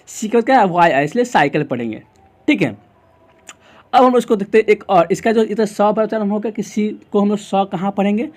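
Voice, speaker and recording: Casting: high-voiced Indian man as tutor; poses a question, answers it, repeats the rule. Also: darkish tone. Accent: Indian English. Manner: asks the class questions and answers them himself, repeats rules. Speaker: English pronunciation teacher. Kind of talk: explaining lesson in Hindi.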